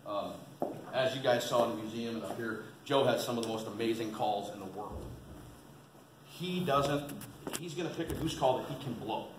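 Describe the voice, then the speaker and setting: A man's voice: medium pitch, moderate pace. A man presenting an informal how-to seminar to a group, plain-spoken and folksy, repeating his points for emphasis. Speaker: seminar presenter, experienced waterfowl hunter. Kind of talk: informal instructional talk to a group. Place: indoor seminar at a museum. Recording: roomy, distant mic with faint noise.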